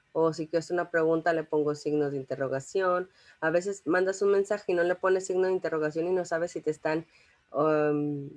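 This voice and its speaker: A woman's voice: lowish voice, darkish tone. Chatty woman teaching a class. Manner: conversational, many fillers and restarts, checks in with listeners. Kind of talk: informal classroom lecture.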